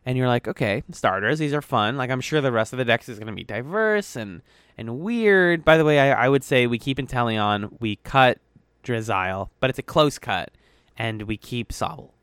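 Male podcast co-host, casual and playful, smooth resonant voice, dry close mic. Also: medium pitch, expressive, normal speed, fairly bright tone, no room sound. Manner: chatty, playful, trails off with fillers.

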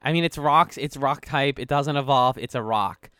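A man in casual podcast chat, reading entries aloud and cracking jokes. His voice is smooth and resonant at a middling pitch. The sound is dry and close to the mic. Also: moderate pace, sharp tone, no echo. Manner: reads entries aloud, jokey and laughing. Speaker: podcast co-host.

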